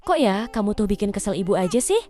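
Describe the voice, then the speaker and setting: A woman voicing a bossy, traditional older mother-in-law in an animated drama, scolding and domineering. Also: mid-range voice, fast, faint music behind, close to an everyday voice.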